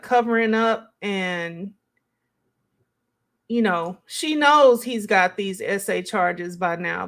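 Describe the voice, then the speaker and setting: A woman hosting a live stream gives casual, conversational reaction commentary, thinking aloud and answering chat. Her voice is medium-pitched and creaky.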